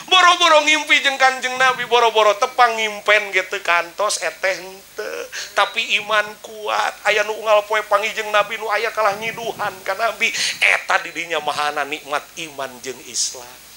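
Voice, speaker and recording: A man's voice: sits high, fairly even intonation, moderate pace, sharp tone, a little hiss or hum, poor audio. A man with a Sundanese accent preaching a humorous sermon, joking with the audience and breaking into sung praise. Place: outdoor religious gathering.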